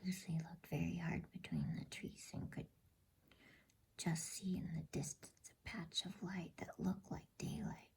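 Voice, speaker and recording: Woman doing asmr story narration, soft whispery voice, lowish n mellow, takes her time. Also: fairly even intonation. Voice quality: whispered, breathy. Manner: gentle, unhurried. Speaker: narrator and channel host. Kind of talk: ASMR bedtime story narration, read softly.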